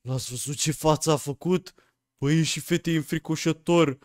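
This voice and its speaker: A gaming YouTuber, a young man with a slightly high voice, delivers excited gameplay commentary straight to his viewers over game music. He swings between hushed murmurs and sudden yelps.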